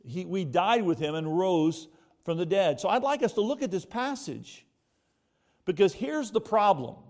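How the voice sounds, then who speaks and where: A slightly mellow, higher-pitched male voice belongs to an American preacher giving a sermon. He talks conversationally, asking rhetorical questions and restating points to stress them.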